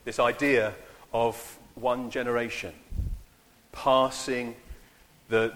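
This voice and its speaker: A man leading a church service, talking in a halting, informal way with many fillers and restarts. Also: medium pitch, a bit bright, in a large hall. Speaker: minister. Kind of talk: informal sermon.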